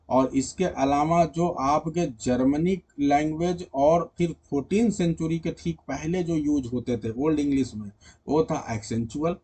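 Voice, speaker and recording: A man's voice: on the high side, mellow, breathy edge. A male teacher giving an exam-prep lecture in Hindi mixed with English terms. He explains step by step and keeps checking that students follow. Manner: mixes English terms and read-out definitions into Hindi.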